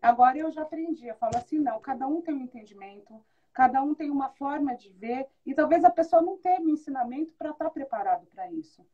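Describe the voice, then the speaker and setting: A woman's voice: high voice, fast talker, highs cut off. A woman being interviewed about being a mother, telling good-humored stories and acting out what people said. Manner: animated storyteller who acts out quoted dialogue; good-humored, laughs often. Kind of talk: casual conversational interview.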